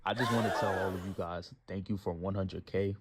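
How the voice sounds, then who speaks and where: A man's voice: low voice, steady tone, a little fast, background noise. A man of twenty thanking his viewers in slangy, joking casual talk, recorded on a phone. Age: 20s. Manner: slangy, joking, trash-talking. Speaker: YouTuber.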